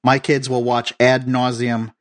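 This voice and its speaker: A man co-hosting a podcast, chatting in an easygoing, halting way. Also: medium pitch, flat delivery. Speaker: podcast co-host. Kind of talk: casual chat.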